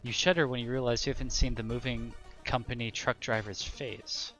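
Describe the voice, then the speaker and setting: A man's voice: mid-range voice, normal speed, soft background music. Casual man streaming and reading game text. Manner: relaxed, profane, thinking aloud.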